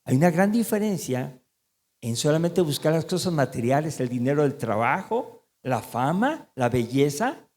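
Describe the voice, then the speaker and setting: Pastor, male, lively sermon, slightly high voice, long church reverb. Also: normal speed. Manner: animated, asks the congregation questions.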